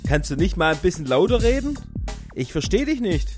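A kindly, cheerful professor, played by a man speaks in a high voice with a very lively lilt. He asks friendly questions in a children's puppet play. Music plays clearly behind him. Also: brisk.

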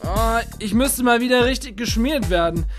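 A rusty, creaky male robot grumbles and dodges questions, as a performer puts him on. He is stubborn and prone to loud outbursts. Soft music runs beneath this children's puppet play. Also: mid-range voice, normal speed, lightly acted. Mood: whiny. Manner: complaining, evasive, loud outbursts.

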